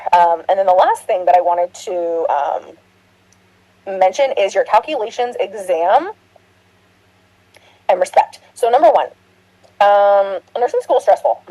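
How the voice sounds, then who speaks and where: A woman's voice: mid-range voice, warm tone, rough recording. A middle-aged woman nursing instructor giving a recorded orientation lecture, chatty and rambling, with laughs and restarts. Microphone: computer mic, screen recording.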